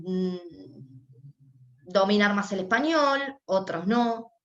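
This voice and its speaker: A woman with an Argentine Spanish accent voices a deaf panelist as a sign language interpreter during a live panel discussion. Her mid-range delivery is halting, full of pauses and restarts as she interprets. The audio sounds dull, and the room is roomy.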